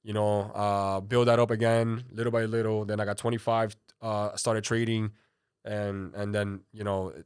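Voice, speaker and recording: A man's voice: lowish voice, little pitch movement, normal speed, darkish tone, smooth, no room sound, studio quality. A man in his thirties, born in Cuba with Spanish as his first language, talking casually as a podcast guest and rambling with many fillers. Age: 30s. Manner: rambling, lots of "you know" and "like". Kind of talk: casual interview talk.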